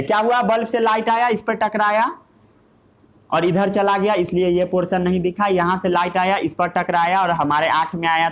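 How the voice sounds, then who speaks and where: This male teacher's voice sits a little high as he delivers a science lesson to his class. He switches between Hindi and English terms, raising rhetorical questions and supplying the answers himself.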